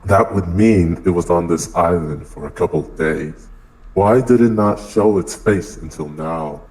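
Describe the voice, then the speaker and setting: A man voices a terse army major who answers in clipped, matter-of-fact sentences. The voice sits very low and is pushed deeper still by a voice changer. It is an amateur group reading of fan fiction. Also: unhurried, a little mellow, low-quality recording. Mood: stern. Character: gruff male army major, terse and sarcastic.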